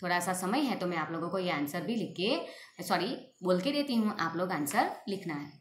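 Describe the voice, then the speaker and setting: Woman teacher, lowish voice, slow repeated explanations, echoey room. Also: animated. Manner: explains slowly and repeats examples, often asks "right?". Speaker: school Hindi teacher. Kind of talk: recorded class lesson. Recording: echoey room with faint ambient noise.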